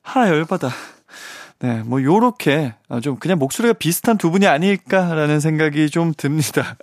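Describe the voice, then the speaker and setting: A man's voice: a little high, expressive, normal speed, no room sound. A man hosting a radio show, reading listener stories in a chatty, friendly way on a studio microphone.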